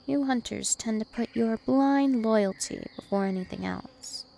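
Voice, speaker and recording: In an ASMR roleplay, a woman plays a dominant, taunting vampire princess two thousand years old, imperious and scornful with haughty, teasing menace. Her voice is a little high and a little slow, creaky yet warm, over slight background noise.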